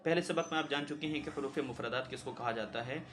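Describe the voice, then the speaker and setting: A man's voice: mid-range voice, fast talker, background noise. A male teacher explaining a beginner Quran reading lesson step by step, patiently repeating key points and answering his own questions.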